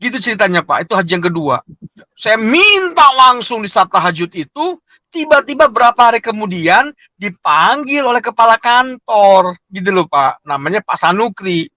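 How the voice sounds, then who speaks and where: Man, middle-aged, animated storyteller, bright timbre. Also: high-pitched, moderate pace, no echo. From Indonesia. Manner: emotional, animated storytelling with frequent "Pak". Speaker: interviewee. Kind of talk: personal testimony.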